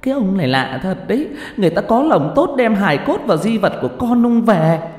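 A man's voice: a little high, sing-song, moderate pace, dark tone, pitched above the performer's own voice. A man voicing a grieving rich old village woman who wails and scolds, recorded in an echoey room with faint music behind. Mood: scolding. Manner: wailing, scolding.

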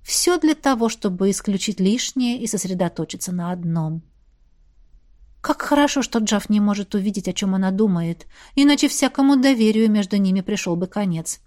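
A woman narrating a fantasy romance audiobook in an even storytelling manner. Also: medium pitch, normal speed.

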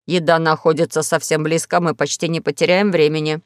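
A woman voicing a polite, fussy talking spaceship in a lower, measured tone. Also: little pitch movement, dry recording, studio quality, lightly acted. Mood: prim.

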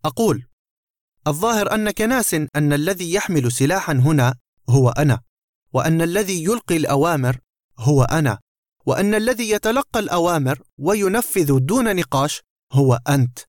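A man's voice: fairly high pitch, lively intonation, a little fast, no echo, clean studio sound, close to an everyday voice. A man voicing a sneering, menacing burglar. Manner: mocking, threatening. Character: sarcastic menacing male burglar, boastful.

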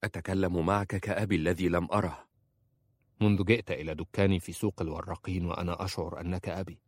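Brief: a man doing a polite, persistent young bookseller, low-voiced and earnest. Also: steady tone, quick pace, no echo. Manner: earnest, respectful pleading. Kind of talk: audiobook character voice.

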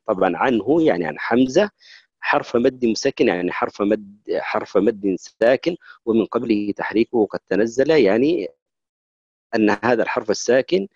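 A man's voice: lowish voice, vocal fry, darkish tone, husky, no echo, muffled recording. A man teaching recitation rules in a lecture, often checking in with listeners and stopping to restart his words. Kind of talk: explanatory lecture.

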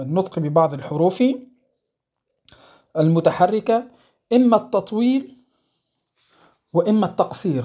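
Male recitation teacher, patient lesson delivery, measured pace with pauses and fillers. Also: fairly high pitch, dark tone. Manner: checks understanding with the listener, drawing out sounds to demonstrate. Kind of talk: spoken lesson on recitation rules.

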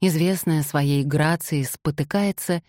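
A woman narrating a romance novel in a steady, expressive reading voice. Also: sits low, a little slow, dry recording, clean studio sound. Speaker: audiobook narrator. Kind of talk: scripted narration.

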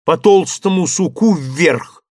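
Storybook part: man playing an excitable, obsessed gentleman, urgent shouted commands, dry close sound. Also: a little high, slow, no echo. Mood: feverish. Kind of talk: audiobook character voice.

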